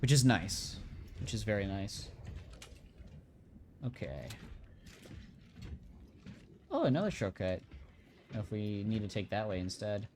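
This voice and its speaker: A man casually commenting on his own gameplay, talking to himself in a relaxed, offhand way as he plays a horror game. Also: fairly low pitch, slow pace, pauses often, a little hiss or hum. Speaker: let's play gamer.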